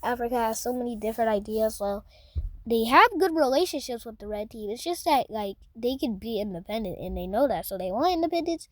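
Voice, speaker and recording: A woman's voice: a little high, a little fast, dry recording, rough recording. A woman giving casual, rambling commentary over a map animation, full of fillers and slang, joking as she goes. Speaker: mapping channel narrator.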